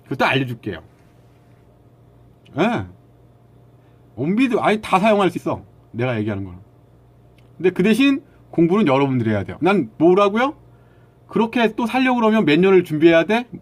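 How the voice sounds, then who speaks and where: Very animated and talking a little fast, a man on a casual live stream lectures viewers in a blunt, combative way and retorts to the chat, leaving long pauses. His slightly high male voice swings broadly in pitch.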